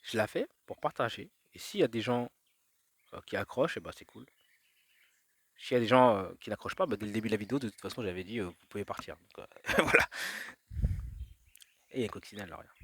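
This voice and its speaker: A man's voice: on the low side, expressive, fast talker, long pauses, fairly bright tone, slightly rough, no echo. A man vlogging outdoors, talking his thoughts through in a drifting monologue, full of fillers, restarts and detours. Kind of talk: rambling reflective monologue. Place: outdoors in nature.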